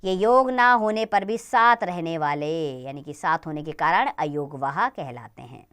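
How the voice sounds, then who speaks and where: A woman teaching a grammar lesson to children, spelling out sounds slowly and deliberately. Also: low-pitched, lively intonation, fairly bright tone, clear, resonant tone.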